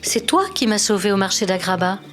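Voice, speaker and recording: A sincere young princess, acted by a woman, speaking tenderly at a medium pitch. It is a storybook scene with faint music behind. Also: fairly quick, lightly acted. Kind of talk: animated storybook character acting.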